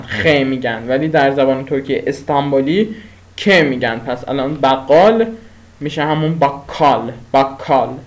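A man teaching a language lesson, saying each new word several times and explaining it with pauses and fillers. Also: mid-range voice.

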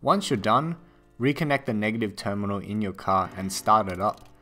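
A man with an Australian accent narrating a scripted voice-over for a build tutorial, in a steady, explanatory way. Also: on the low side, normal speed, soft background music. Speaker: tech video narrator.

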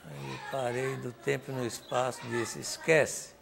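A man's voice: medium pitch, normal speed, vocal fry, noisy background. An older man with a Northeastern Brazilian accent, a songwriter telling stories and acting out the dialogue as he goes. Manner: animated, acts out dialogue and sings snippets. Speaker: songwriter giving testimony. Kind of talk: storytelling testimony.

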